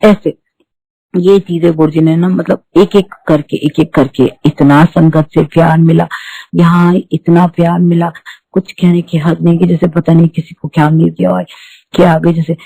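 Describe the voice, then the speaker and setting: A woman's voice: lowish voice, little pitch movement, moderate pace, creaky, warm tone, no echo, low-quality recording. A middle-aged woman, telling her spiritual testimony earnestly and repeating herself as she goes. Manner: earnest, repetitive storytelling with restarts. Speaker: devotee giving testimony.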